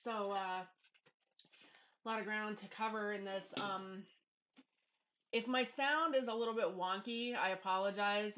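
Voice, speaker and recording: A woman's voice: medium pitch, unhurried, pauses often, a bit bright. A middle-aged woman talking casually and bluntly in a confessional video monologue, self-deprecating, recorded on a headphone mic in a home office. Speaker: YouTube vlogger. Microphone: headphones used as microphone.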